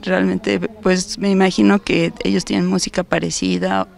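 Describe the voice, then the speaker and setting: A Mexican interviewer with a gravelly, creaky voice at a middle pitch. The questions come in a chatty way, broken up by fillers and hesitations. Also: little pitch movement, normal speed. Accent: Mexican Spanish.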